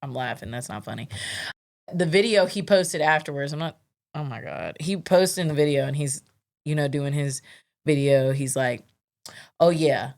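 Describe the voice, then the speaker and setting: Woman, low voice, casual podcast chat, profane, laughs often. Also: normal speed, darkish tone. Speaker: podcast co-host.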